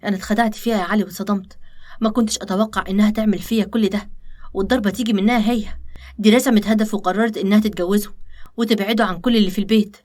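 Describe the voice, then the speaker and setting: A woman with an Egyptian accent voicing a tired young woman complaining of her hard life, in an animated story. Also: mid-range voice, rapid-fire, lightly acted. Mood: weary. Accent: Egyptian Arabic. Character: weary young woman, secretly plotting.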